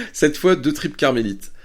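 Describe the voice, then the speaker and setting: A man hosting a podcast, telling a crude story in a chatty, casual way and laughing often. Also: on the high side. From France. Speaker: podcast host. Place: Bordeaux area.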